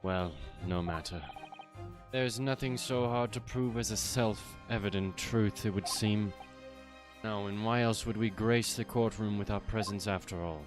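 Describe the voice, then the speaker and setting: A man voicing a haughty, cold prosecutor in a pompous, measured, theatrical way for a video game dub. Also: lowish voice, fairly even intonation, over music, lightly acted. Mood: disdainful. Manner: pompous, measured, ornate delivery.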